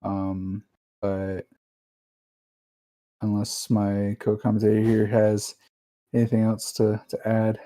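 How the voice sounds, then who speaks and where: A man commentating a video game race in casual conversation. He rambles through restarts and fillers. His voice sits at a middle pitch with a mellow, relaxed tone. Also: slow, pauses often, rough recording.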